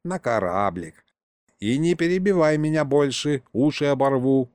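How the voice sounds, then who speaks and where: A man's voice: mid-range voice, lively intonation, moderate pace, darkish tone, no room sound, studio quality, lightly acted. A man doing a crafty folksy old miner. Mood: yarn-spinning. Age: older. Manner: folksy, rambling storyteller. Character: crafty boastful old retired male miner.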